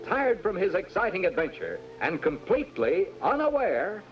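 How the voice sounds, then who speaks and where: A man plays an earnest, dramatic storyteller, narrating a children's adventure in the style of a vintage 1950s cartoon. His voice is high-pitched and swings hugely in pitch at a normal speed, over a dull vintage cartoon soundtrack with music.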